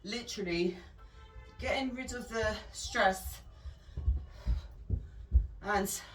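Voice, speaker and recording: A woman fitness instructor leading a follow-along workout with calm, encouraging cues, recorded at home. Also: medium pitch, extremely slow, faint music behind. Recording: echoey room, voice from a distance.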